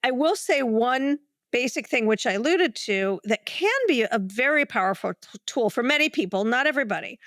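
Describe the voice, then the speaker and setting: Calm, fairly high-voiced woman psychologist. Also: moderate pace, no room sound, clean studio sound. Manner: calm, explanatory, with many fillers and restarts; demonstrates breathing while talking. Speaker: clinical psychologist. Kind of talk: guest explaining calming techniques in a podcast interview.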